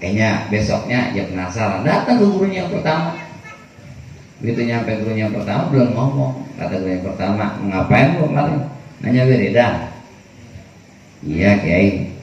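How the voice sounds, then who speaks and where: A man's voice: on the low side, lively intonation, normal speed, long pauses, darkish tone, highs cut off. Preacher man in echoey hall. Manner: casual storytelling with Betawi slang. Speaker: kiai teaching a kitab study. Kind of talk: sermon. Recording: echoey room from far off, faint noise.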